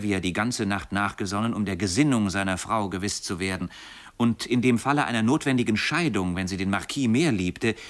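A man narrating classic literature as an audiobook, in a steady, expressive storytelling manner. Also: on the low side.

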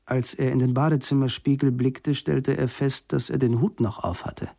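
Husky-voiced male storyteller. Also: mid-range voice, steady tone, moderate pace, a little mellow, dry recording, clean studio sound. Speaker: audiobook reader. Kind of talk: scripted narration.

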